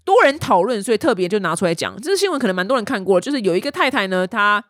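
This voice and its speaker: Young woman host, chatty and animated, fast and bouncy, close dry sound. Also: mid-range voice, no room sound. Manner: chatty, animated storytelling with voiced quotes. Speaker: news podcast host. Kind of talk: casual news chat.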